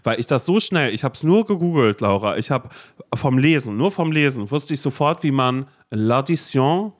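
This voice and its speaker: A man's voice: medium pitch, expressive, moderate pace. A young man hosting a casual podcast chat, telling a self-mocking story full of fillers and restarts. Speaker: podcast host.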